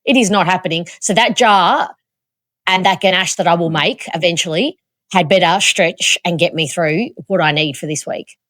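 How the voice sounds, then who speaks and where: An Australian woman hosts a podcast and tells a mishap story with animated, self-mocking flair. Her voice sits slightly low for a woman. The sound is dry and close, with no room echo. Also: moderate pace. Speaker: podcast host. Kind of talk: casual chat, storytelling.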